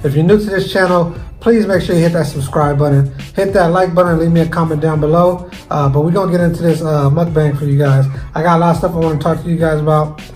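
Male cooking host, casual eat-and-talk vlog, voice on the high side, soft music bed. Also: steady tone, fast talker, low-quality recording. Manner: chatty, talks while eating. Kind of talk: casual mukbang chat.

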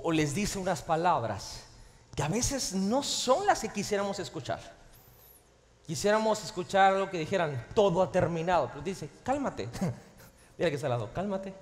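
A man preaching a sermon as pastor to a live congregation, animated and jokey, swinging between loud and soft. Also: a little high. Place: large church hall with live audience. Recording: reverberant live hall recording.

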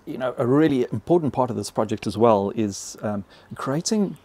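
Speaking into a close boom-arm podcast mic inside a small log cabin, this bison ranger in his fifties from South Africa answers interview questions with hesitation and frequent repeated words. His medium-pitched voice is expressive and darkish in tone, moving at a moderate pace.

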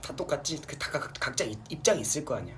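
A man's voice: quick pace, slight background noise. A man in his twenties chatting casually on a livestream, telling stories and acting out fans in squealing voices. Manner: animated, acts out fans' voices in high squeals. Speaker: idol livestream host. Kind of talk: casual chat. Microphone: phone or camera livestream.

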